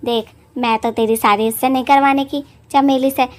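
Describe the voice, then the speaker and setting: A fed-up rustic mother from a cartoon story, played by a woman nags and complains in a high voice. Her speech is blunt and countrified. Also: fairly even intonation, normal speed, close to an everyday voice. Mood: complaining. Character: fed-up middle-aged mother, rustic, nagging.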